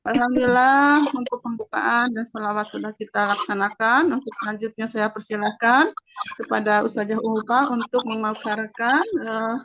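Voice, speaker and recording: Woman moderator, formal and prayerful, fairly high voice, lo-fi recording with faint noise. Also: steady tone, normal speed, a bit bright. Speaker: study session moderator. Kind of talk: opening prayer and introduction.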